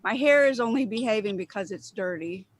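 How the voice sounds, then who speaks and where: A woman's voice: medium pitch, lively intonation, fairly quick, slight background noise. A woman with a West Texas twang, chatting casually and self-deprecatingly on a video call. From West Texas, United States. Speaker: video contributor and guest. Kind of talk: casual chat on an online video show.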